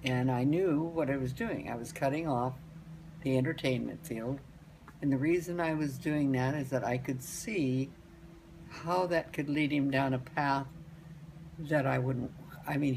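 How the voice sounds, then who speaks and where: An elderly woman, a grandmother, casually telling family stories in a halting, rambling way and repeating phrases for emphasis. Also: rumbling low, a little mellow, slight background noise, poor audio. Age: older, grandmother.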